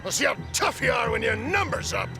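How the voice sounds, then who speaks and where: A man's voice: extremely high pitch, very animated, brisk, creaky, raised voice, over music, heavily acted. A man voicing a bossy, blustering, theatrical cartoon dog in a comedy film. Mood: blustering, threatening. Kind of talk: comedic film character acting.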